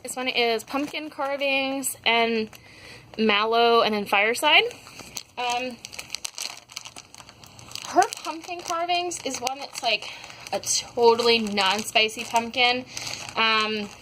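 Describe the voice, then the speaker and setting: A young woman talks slowly about her wax melt haul at home, leaving long pauses and rambling with many ums and likes. Her voice is on the high side, and the background is noisy.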